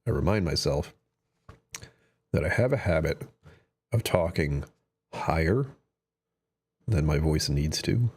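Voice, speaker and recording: In a husky, slightly mellow bass voice, a man casually comments on a survival game he's live-streaming. He's expressive but slow, with long pauses, talking to himself with a slight strain and slipping into whispers.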